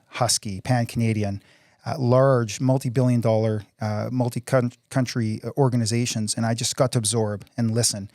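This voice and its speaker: A man's voice: mid-range voice, a little mellow, dry recording, clean studio sound. A man in his forties, a city council candidate answering interview questions in an earnest, upbeat way, often repeating words as he goes. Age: 40s.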